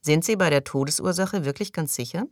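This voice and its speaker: A man's voice: fairly high pitch, fairly quick, no echo, studio quality, natural voice. A man reading an audiobook, voicing a suspicious, brooding male colonist who asks distrustful, probing questions.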